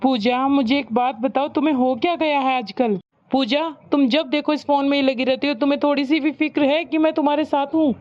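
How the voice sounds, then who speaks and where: A woman's voice: sits high, fairly even intonation, fairly quick, dull audio, lightly acted. A woman voicing a stern young husband in a cartoon story, scolding his wife. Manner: scolding, lecturing. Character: stern young husband, fed up with wife's phone.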